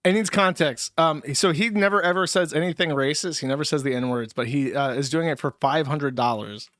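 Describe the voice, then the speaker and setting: A man hosting a show, giving sarcastic running commentary on clips in a quick, casual way and laughing often. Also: a little high, a bit bright. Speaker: host.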